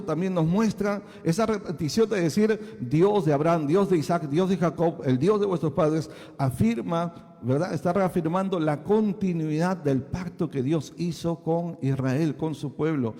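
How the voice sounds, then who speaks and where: A man's voice: fairly high pitch, moderate pace, warm tone. A male pastor teaching a sermon, asking the congregation again and again whether they follow. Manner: asks the congregation many checking questions. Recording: long hall reverb.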